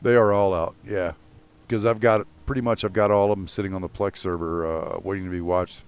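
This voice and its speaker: A man's voice: sits low, fairly even intonation, fairly quick, smooth. A man co-hosting a podcast in casual chat, rambling through stories and swearing freely. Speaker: podcast co-host.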